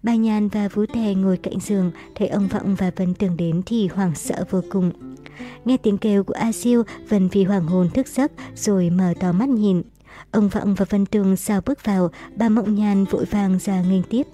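A woman narrates a novel in a steady, even way. Her voice is very dark and mellow, with soft music playing faintly underneath. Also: mid-range voice, normal speed. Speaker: audiobook narrator.

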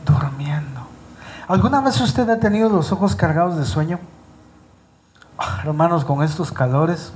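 A pastor preaching a live sermon to his congregation in church. He slows down and stresses his words when he reads scripture, and he speaks directly to the people in front of him. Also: high-pitched, darkish tone.

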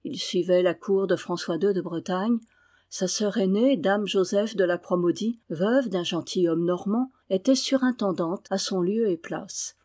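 A woman narrating a classic novel as an audiobook reader, with a measured reading that lifts into emotion in the dialogue. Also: medium pitch, warm tone.

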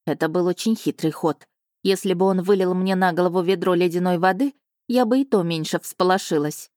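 A woman reading a first-person audiobook in a lively, ironic storytelling manner, close to the mic. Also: lowish voice, a little fast, no room sound. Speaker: audiobook narrator.

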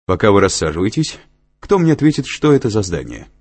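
A man's voice: lowish voice, very animated, brisk, darkish tone, faint music behind. A man voicing a patient, dryly humorous male professor in an audiobook. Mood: lecturing. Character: patient, wry male professor lecturing students. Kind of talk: audiobook character reading.

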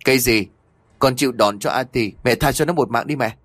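A man's voice: mid-range voice, fairly quick, fairly bright tone, dry recording, studio quality, lightly acted. A man voicing a frightened young noblewoman who pleads tearfully with her mother-in-law. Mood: desperate pleading.

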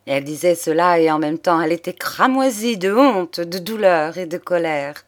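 A woman reads a classic detective novel aloud as narrator. Her voice is somewhat low and her reading is steady and expressive. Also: normal speed. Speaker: audiobook reader. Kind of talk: literary narration.

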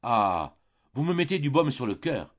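A man reading aloud, voicing a heartbroken old father who pleads with his daughters in anguished outbursts, in a husky tone. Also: on the low side, animated, moderate pace, darkish tone, highs cut off. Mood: desperate.

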